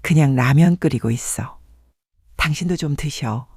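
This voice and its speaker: A man voicing a remorseful elderly husband around seventy, with plain, halting speech. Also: medium pitch, a little mellow, slightly rough, dry recording, clean studio sound, natural voice.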